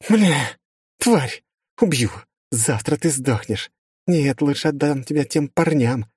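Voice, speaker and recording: A man's voice: fairly high pitch, expressive, takes it slowly, darkish tone, slightly rough, dry recording, clean studio sound, voice pushed up, exaggerated voice. A man voicing a spiteful woman who snarls furious threats in an audiobook. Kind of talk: audiobook character voice.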